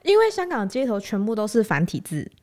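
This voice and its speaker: Podcast co-host: Taiwanese-accented woman, quick pace, mid-pitched voice, animated casual anecdotes. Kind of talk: casual chat, travel anecdotes.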